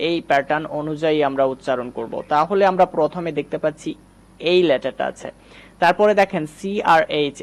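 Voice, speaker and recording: A man teaching English reading, patiently explaining and quizzing his viewers. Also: on the high side. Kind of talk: screen-recorded lesson.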